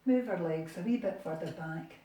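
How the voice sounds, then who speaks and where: A woman's voice: fairly low pitch, normal speed, dark tone. A Scottish woman leading an exercise class from a living room, encouraging and chatty as she talks through each move. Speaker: exercise instructor. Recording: echoey room, distant mic.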